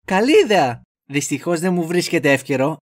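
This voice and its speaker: A man's voice: a little high, big pitch swings. A clueless, fussy young man who dithers and rambles, played by a man. He sounds goofy and oblivious, with an ordinary mid-range voice. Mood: dithering.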